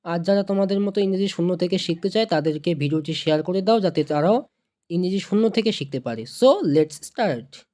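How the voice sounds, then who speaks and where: Patient online tutor with a soft, warm tone who talks to viewers like friends and repeats each point. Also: medium pitch, fast talker. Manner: patient, repeats and checks understanding; addresses viewers warmly as friends. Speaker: online English teacher. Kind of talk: explanatory video lesson.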